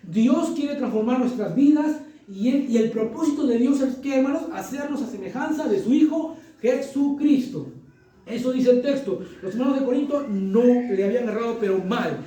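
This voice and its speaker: A pastor delivers an animated sermon in a strikingly high, mellow voice, acting out the voices of a child and churchgoers. He sounds a little distant from the mic, and the church hall around him is very echoey. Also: moderate pace.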